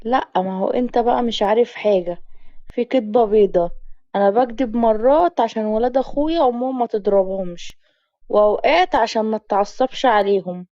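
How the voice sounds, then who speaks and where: A woman plays a kind, talkative eighteen-year-old Egyptian village girl who chatters earnestly. Her voice is mellow and warm, in a story reading captured on a dull, muffled lo-fi recording. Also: fairly high pitch, brisk, dry recording, natural voice. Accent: Egyptian Arabic.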